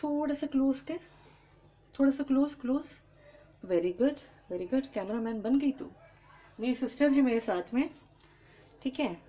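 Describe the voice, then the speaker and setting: A woman hosts a live cooking demonstration in her home kitchen, chatting with viewers and greeting them by name as she cooks. Her voice sits high and is expressive, with a dark tone and cut-off highs, and she speaks at a measured pace with frequent pauses.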